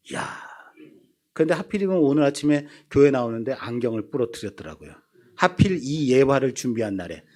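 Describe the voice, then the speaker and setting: A man's voice: medium pitch, a little mellow. A man in his fifties, a pastor preaching a sermon, telling stories with self-deprecating humor.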